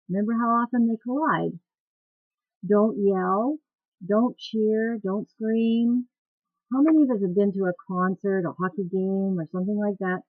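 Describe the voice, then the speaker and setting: Gravelly woman teaching voice care, tinny. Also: mid-range voice, no room sound. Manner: plain, practical teaching tone. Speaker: dance cueing instructor. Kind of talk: instructional talk on voice care. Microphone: webcam. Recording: tinny phone-like webcam recording.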